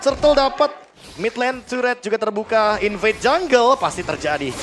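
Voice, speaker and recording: A man's voice: very high-pitched, expressive, normal speed, noisy background. A man with an Indonesian accent giving analytical commentary on an esports match. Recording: game music behind the voice. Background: music.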